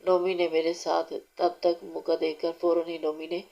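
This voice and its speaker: A woman reading a romance novel aloud as audiobook narrator, steady and unhurried, with small restarts. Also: on the low side, gravelly. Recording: dull lo-fi recording.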